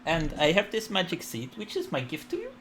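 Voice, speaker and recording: A man voicing a gracious, gentle earth and fertility goddess in a tabletop role-play, speaking in formal, questioning phrases. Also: high voice, huge pitch swings, fairly quick, slight background noise, voice pushed up, heavily acted. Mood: serene, gracious.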